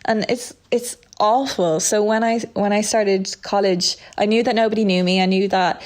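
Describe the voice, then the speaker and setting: A woman's voice: mid-range voice, fairly even intonation, normal speed. A young Irish woman speaking candidly and reflectively as an interview guest, with frequent fillers and restarts. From Ireland.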